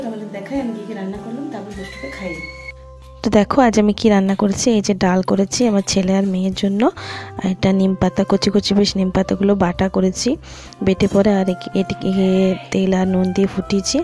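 A woman's voice: medium pitch, dark tone. A woman vlogging her daily chores, chatting to viewers step by step as she films on a phone. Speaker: home vlogger and mother. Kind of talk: casual daily-life vlog narration. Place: at home and out shopping.

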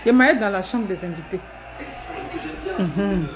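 A middle-aged woman chatting live to her viewers from a room at home, animated, often laughing, thanking people by name. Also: mid-range voice, takes it slowly, crowd noise. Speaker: livestreamer. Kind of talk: casual live stream chat. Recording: echoey room.

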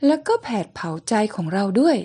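A woman reading a hushed scheming prince. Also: fairly quick, natural voice. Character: scheming young foreign prince, lustful.

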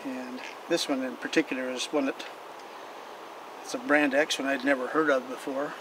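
Older male hobbyist host, folksy and rambling, flat even delivery, recorded outdoors on a distant camera mic with a steady hum behind. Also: mid-range voice, normal speed. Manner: rambling, folksy, restarts sentences often. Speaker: vintage equipment collector and channel host. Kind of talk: casual show-and-tell talk. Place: outdoors in an overgrown backyard. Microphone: camera mic from several feet away.

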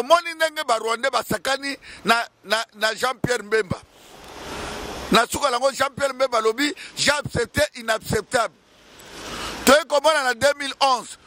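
A man in his forties giving an impassioned political address to camera in a city square, speaking into a handheld microphone with forceful, declamatory delivery. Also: very high-pitched. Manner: fiery, declamatory, shouting at times, gesturing. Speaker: activist news presenter. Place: city square outdoors, winter. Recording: street noise behind.

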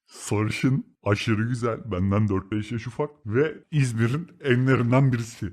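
A man's voice: medium pitch, steady tone, normal speed, darkish tone. A young man from Turkey telling a personal story as a podcast host, in a blunt, slangy way that swears freely. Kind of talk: casual confessional storytelling.

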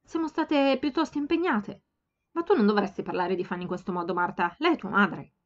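A meek, dutiful young woman answers quietly and hesitantly, as a woman reader puts her on. Her voice sits at an ordinary mid pitch. The home recording sounds slightly dull. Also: brisk, lightly acted.

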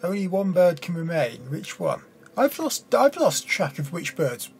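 A young man casually commentating as he plays a game, reading its text aloud and thinking out loud hesitantly. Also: sits high, very animated, unhurried, slight background noise. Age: young adult. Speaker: gamer playing and commenting on a card game. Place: small room indoors at a desk. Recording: game music behind the voice. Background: game music.

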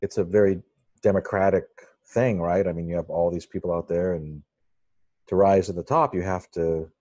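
Host, male, low-ish voice, gushing and casual, laptop mic at home. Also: steady tone, moderate pace, dark tone, lo-fi sound. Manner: enthusiastic, effusive, searching for words. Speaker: host interviewing a photographer. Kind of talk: casual video call chat.

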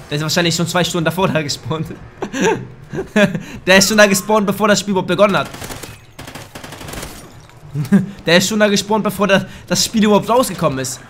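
Young male gamer, high-pitched and a bit hoarse, crude and excitable, yelps at his screen, faint game gunfire behind. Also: a little hiss or hum. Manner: excitable, crude, bursts into shouts. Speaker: gaming YouTuber. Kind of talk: casual let's play commentary. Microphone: desk microphone.

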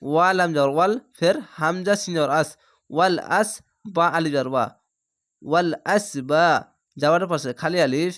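A man teaching Quran reading, spelling out each letter and vowel slowly and then blending them into words. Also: on the high side, fairly bright tone. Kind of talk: slow spelled-out recitation lesson.

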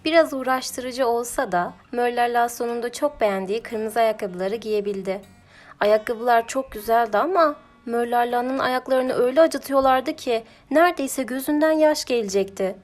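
A woman reading a children's story aloud in a gentle, expressive storybook narration. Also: on the high side, moderate pace, faint music behind.

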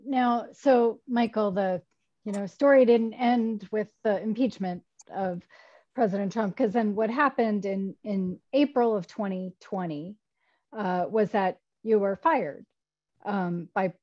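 A woman moderates a webinar, asking measured questions and passing along audience queries. Her audio is dry with no room sound, and it comes through a little dull and muffled. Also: mid-range voice, mellow, no echo.

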